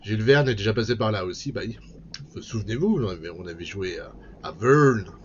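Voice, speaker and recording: A man's voice: fairly low pitch, lively intonation, quick pace, lo-fi sound, slight background noise. A man streaming a game, chatting casually and playfully as he plays. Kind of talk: casual let's-play commentary.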